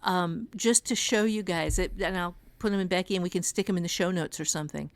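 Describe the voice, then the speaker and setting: An author and teacher co-hosting a podcast chats casually, candid and emphatic with a self-deprecating streak. She speaks a little fast in a lowish voice, and the recording is dry.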